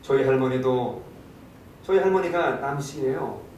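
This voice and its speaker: Pastor preaching in an echoey church. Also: male voice, unhurried, a little mellow, muffled recording. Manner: storytelling, acting out quoted lines and asking the congregation questions. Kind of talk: sermon. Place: church sanctuary. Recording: echoey hall, distant mic, faint rumble.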